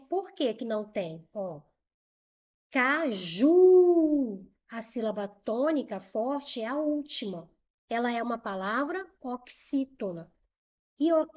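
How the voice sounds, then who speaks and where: A woman's voice: high-pitched, lively intonation, a little slow, darkish tone, highs cut off. A woman with a Brazilian Portuguese accent teaching a grammar lesson for exam prep, patiently repeating rules and asking and answering her own questions.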